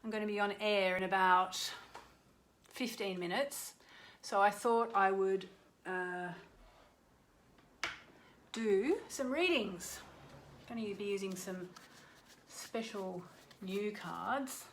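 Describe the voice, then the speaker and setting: A woman's voice: medium pitch, slow, pauses often, slight background noise. Chatty woman hosting a livestream. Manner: chatty, greeting viewers by name, warm asides. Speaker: astrologer hosting a live show. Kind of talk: casual livestream chat. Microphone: desk microphone.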